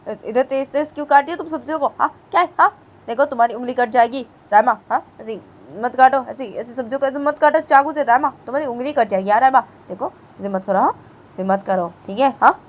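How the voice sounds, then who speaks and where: A woman's voice: on the low side, moderate pace, vocal fry, long pauses, a little mellow, slightly rough, exaggerated voice. A woman voicing an anxious young woman who fusses and pleads again and again. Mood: worried. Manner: fussing, repeats pleas over and over.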